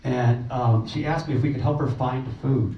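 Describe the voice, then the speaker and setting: A man recounting his relief trip at a meeting, emotional and halting, with many restarts. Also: mid-range voice, fairly even intonation. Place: meeting room. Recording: roomy, distant, muffled, faint noise.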